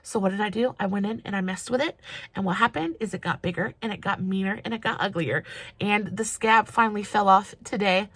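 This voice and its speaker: A woman's voice: medium pitch, fairly quick, a bit bright. A woman about to turn thirty-one, chatting through a makeup tutorial in a gushing, casual way. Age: 30s. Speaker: makeup vlogger.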